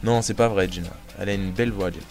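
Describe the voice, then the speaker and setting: A man's voice: deep voice, steady tone, very fast, a little mellow, soft background music. A man hosting a live show in casual chat, reading out listener messages with joking banter. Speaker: host.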